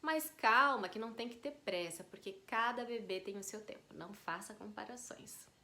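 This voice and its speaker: Bright-toned woman in her 30s giving parenting tips straight to camera, chatty, keeps checking in with viewers. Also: mid-range voice, moderate pace, slight background noise. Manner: chatty, addresses viewers directly with frequent tag questions. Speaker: vlogger answering viewer questions. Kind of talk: casual advice chat to camera.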